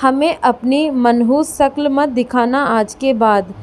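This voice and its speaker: A woman's voice: high-pitched, slow. A woman voicing a spoiled, tearful young married daughter complaining in a storybook reading.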